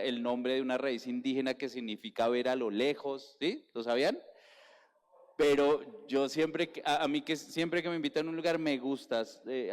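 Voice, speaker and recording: Bogotá-accented pastor, smooth voice in reverberant hall. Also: male voice, medium pitch. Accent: Bogotá Colombian Spanish. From Colombia. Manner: conversational, quizzes the congregation with questions. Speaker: guest pastor. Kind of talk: sermon.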